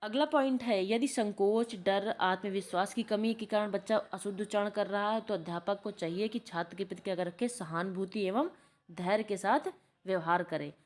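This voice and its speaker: A woman's voice: medium pitch, normal speed. A woman tutor giving a spoken lecture from notes, who keeps posing questions and answering them herself. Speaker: teacher-training tutor.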